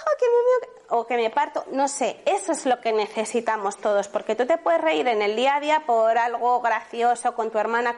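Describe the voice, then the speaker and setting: High-voiced woman leading a workshop. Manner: lively, chatty, asks the audience many questions. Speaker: laughter therapy workshop leader. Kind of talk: live workshop talk to an audience. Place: room with a live audience.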